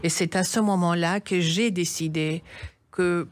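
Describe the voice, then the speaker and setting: Speaking earnestly on the radio, this middle-aged charity founder from Iran recounts her story in halting, restarting phrases. She has a fairly low pitch and a steady tone, and the recording is dry.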